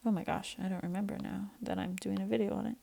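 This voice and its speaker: A woman's voice: mid-range voice, steady tone, quick pace, creaky, mellow. A young woman teaching an online math lesson, chatty and self-deprecating as she thinks aloud.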